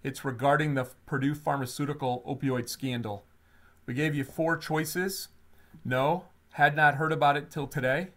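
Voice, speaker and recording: A man co-hosting a workplace health webinar, talking in an animated, conversational way with frequent fillers. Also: fairly high pitch, normal speed. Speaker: webinar co-host. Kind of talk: webinar presentation.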